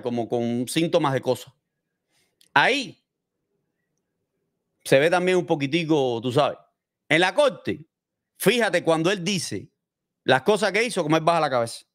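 A man's voice: on the high side, a little slow, long pauses. Guy doing true crime commentary, voice jumps all over, keeps asking rhetorical questions. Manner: animated, explaining with gestures. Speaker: host commenting on a criminal case.

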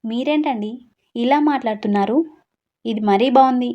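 A woman's voice: a little high, moderate pace, dark tone, dull audio, close to an everyday voice. A woman voicing an innocent, sweet young wife who pleads and protests in a read-aloud story.

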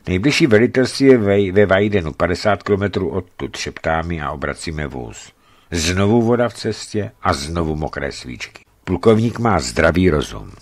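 Deep lively male reader. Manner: lively, voices dialogue with raised pitch. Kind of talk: scripted narration of a travel memoir. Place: studio.

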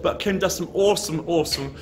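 Touring a crowded Christmas market outdoors, an English man with a slightly high voice and a quick delivery vlogs casually on a gimbal-held camera. He keeps things chatty and light, chuckling as he banters with stallholders over the surrounding crowd chatter and street-market noise.

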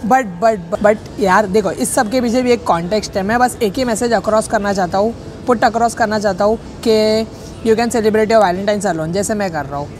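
A man's voice: sits high, brisk. Young guy vlogging in a cafe, keeps joking and correcting himself, handheld cam, a bit of faint noise. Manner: rambling, jokey, self-correcting. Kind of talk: casual vlog talk. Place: public cafe. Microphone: handheld camera.

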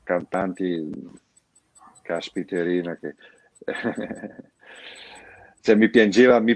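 Deep-voiced rambling man from Brescia. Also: slow pace, no echo. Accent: Brescian Italian. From Brescia area, northern Italy. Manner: rambling, many restarts and repeated words. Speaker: guest, founder of an artists' collective. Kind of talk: casual interview chat.

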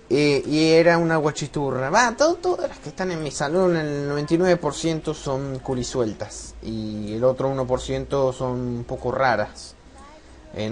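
A teenage boy with a Rioplatense Spanish accent, rambling and swearing a lot as he chats over his gameplay into a loose mic. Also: fairly high pitch. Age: teen. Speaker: gameplay commentator. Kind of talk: rambling let's-play chat. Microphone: loose desk mic that keeps slipping.

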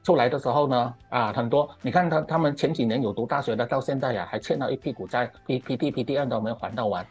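Over soft background music, a middle-aged man with a Malaysian Mandarin accent gives an opinionated, ranting monologue on current affairs, stretching "ah" particles and weaving in English words. He talks at a quick pace with few pauses, in a medium-pitched, slightly mellow and husky voice.

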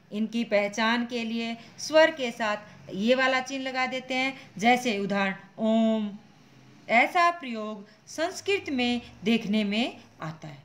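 A woman's voice: fairly high pitch, a bit bright. A woman teaching a Hindi grammar class online, who asks her students questions and answers them herself, calling them "beta" and repeating each point patiently. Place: school classroom.

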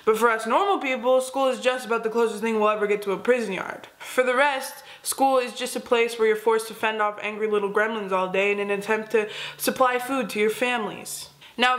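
A woman's voice: on the high side, fairly bright tone. Sarcastic teen girl narrating. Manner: sarcastic, teasing. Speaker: student video host. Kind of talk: comic scripted narration. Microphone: close camera, plain wall.

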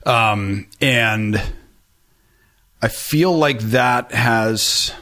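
Speaking extremely slowly in a bright, forceful mid-range voice, a man in his forties rambles candidly as a podcast guest, with lots of fillers and self-deprecating asides. The candid conversational interview takes place in a small room with bright orange shelves. He talks into a boom-arm studio mic held close to his mouth.

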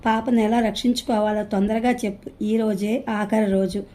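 A woman voicing a desperate male engineer father pleading for help in a storybook reading, in her own calm voice. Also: medium pitch, moderate pace, lightly acted.

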